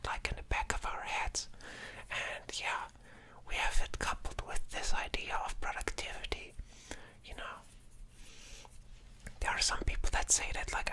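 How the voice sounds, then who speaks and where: A person speaking in a breathy whisper in a casual ASMR ramble, sounding sleep-deprived and hesitant, often trailing off and starting thoughts again. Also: a little slow, sharp tone. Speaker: ASMR creator.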